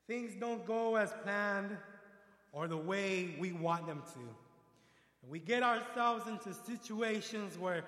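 High-pitched guy preaching slow, swings from calm to shouting, big roomy church echo. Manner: rises from calm to loud emphatic preaching, dramatizes voices. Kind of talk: sermon. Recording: echoey hall with long reverb.

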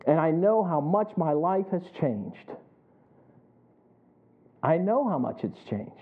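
A man's voice: a little high, big pitch swings, takes it slowly. Preaching man in his fifties, tinny audio. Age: 50s. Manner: call-and-response preaching with chuckles. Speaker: pastor. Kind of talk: sermon.

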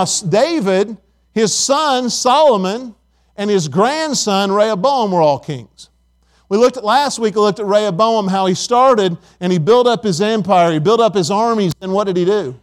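A pastor in his fifties with a high-pitched voice preaches a sermon, reading scripture and praying. He speaks in an earnest, conversational way and frequently repeats words.

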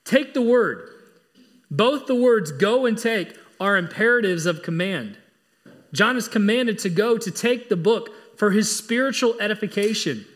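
A man with a high voice delivering a sermon as a pastor. He preaches earnestly and with emphasis, repeating his key points to drive them home. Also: expressive, unhurried.

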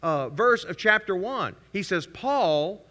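A man's voice: on the high side, animated, measured pace, pushed and bright. A man preaching a sermon as pastor, reading scripture aloud with pointed sarcastic emphasis. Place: church sanctuary. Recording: reverberant church hall.

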